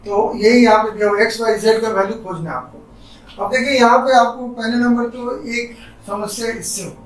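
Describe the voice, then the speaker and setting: A man's voice: extremely high pitch, normal speed, reverberant, distant mic, poor audio. A man teaching a physics lecture, working through a problem step by step, thinking aloud and correcting himself. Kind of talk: classroom lecture.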